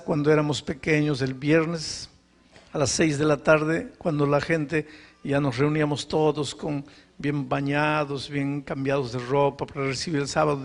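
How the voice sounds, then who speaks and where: A pastor preaching to a live congregation, telling a story with dramatic pauses and anguished questions. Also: male voice, fairly high pitch, creaky. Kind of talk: narrative sermon storytelling. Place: live sermon before a congregation.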